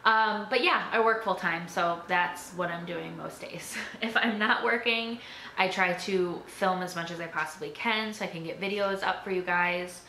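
A young woman chats to her camera about herself, her voice bright and sharp while sitting a touch low. She rambles casually with plenty of "like" and "um". The room is echoey, with a faint hiss behind her. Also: moderate pace. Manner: chatty, filler-heavy with frequent "like" and "um". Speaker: YouTuber. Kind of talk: casual tag video chat.

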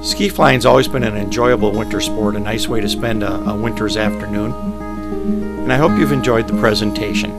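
Fairly low-pitched and at normal speed, this pilot talks over loud music and constant engine and vehicle noise while presenting ski flying. His instructional narration is plain and methodical, frequently in brief, clipped phrases.

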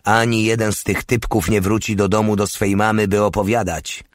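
A man's voice: on the low side, flat delivery, moderate pace, no echo, clean studio sound, voice pushed up, lightly acted. A man reading a crude, mocking male soldier with a scornful, sneering manner.

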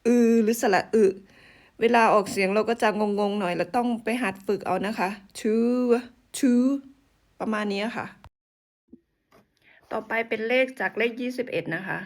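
A woman giving a casual language lesson, patiently saying number words slowly and repeating them for practice, with polite, gentle sentence endings. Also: mid-range voice. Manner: polite, uses soft sentence-end particles. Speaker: language teacher.

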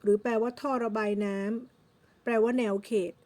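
A woman's voice: a little high, steady tone, normal speed, darkish tone. A Thai-accented woman teaching English vocabulary, patiently explaining words and repeating each English term several times. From Thailand. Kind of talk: slow vocabulary lesson.

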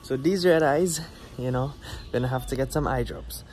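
A man's voice: mid-range voice, moderate pace, slight background noise, poor audio. A man in his twenties with a Trinidadian accent, talking casually to his phone camera in a vlog, tired and chatty. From Trinidad and Tobago. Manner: laid-back, chatty, playful slang. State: tired from little sleep. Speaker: vlogger. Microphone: phone held at arm's length. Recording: loud music over the voice.

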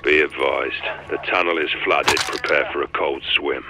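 Ghost, very deep deadpan soldier. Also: male voice, normal speed, creaky. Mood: calm, commanding. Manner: deadpan, clipped, dry. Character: stoic masked British special forces lieutenant, darkly deadpan. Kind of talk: naturalistic video game acting.

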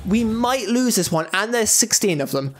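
Chatty high-voiced gamer. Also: male voice, animated, normal speed, a little hiss or hum. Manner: chatty, thinking aloud, jokey asides. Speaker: gaming YouTuber. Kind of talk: casual let's-play commentary.

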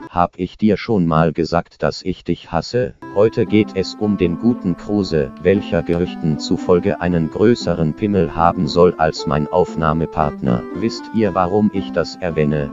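A man talking through a flat robotic voice changer, making deadpan jokes while commentating a game with a friend. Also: sits low, highs cut off. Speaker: co-host, gamer. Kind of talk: casual gaming commentary.

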